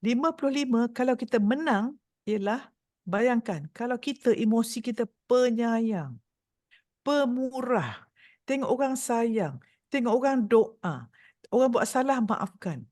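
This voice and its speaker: A woman's voice: on the high side, expressive, unhurried, darkish tone, no room sound, clean studio sound. A woman with a Malaysian accent giving a playful motivational talk to an audience and teasing the crowd. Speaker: motivational speaker.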